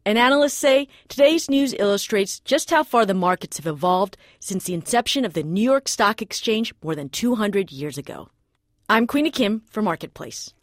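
A woman's voice: medium pitch, expressive, normal speed, no echo. A woman with an American accent narrating a scripted news report as a radio reporter. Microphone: close studio microphone.

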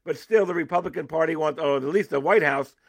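A man giving political analysis as an interview guest, animated and emphatic, often restarting his sentences. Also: fairly high pitch, quick pace, creaky.

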